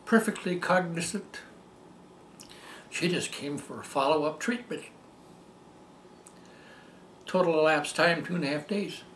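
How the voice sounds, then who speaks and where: A man's voice: a little high, unhurried, pauses often, a bit bright, reverberant, a little hiss or hum. An older man telling a heartfelt personal story in a rambling, casual way, with many fillers and restarts. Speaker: storyteller recounting personal experiences. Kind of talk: casual spoken testimony.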